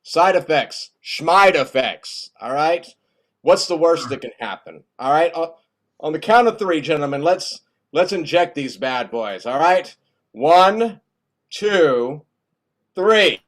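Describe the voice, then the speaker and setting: Breezy man with a slightly high voice. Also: animated, slow pace. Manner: breezy, keeps saying "all right?". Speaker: comedy show co-host. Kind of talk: comic banter on a video call. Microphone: video call.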